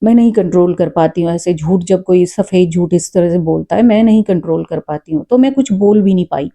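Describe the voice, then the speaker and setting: A woman, a mother, earnestly recounting something she witnessed in a casual, reflective way, pausing often with fillers. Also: on the low side. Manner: says she talks loud and forcefully. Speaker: storyteller vlogger. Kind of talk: casual spoken storytelling.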